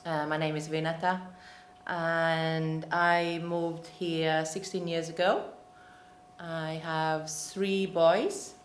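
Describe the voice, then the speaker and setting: A woman from Latvia in her thirties, answering interview questions and pausing often to search for words. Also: low voice, level tone, slight background noise. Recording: echoey room.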